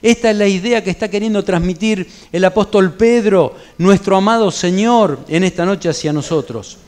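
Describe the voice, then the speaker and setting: A middle-aged Argentine pastor with a Rioplatense accent and a rather high voice for a man, teaching a Bible study in church. He preaches conversationally, slipping in everyday stories and casual local slang. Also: normal speed, a little mellow. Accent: Rioplatense Spanish. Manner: conversational preaching with anecdotes and colloquial asides.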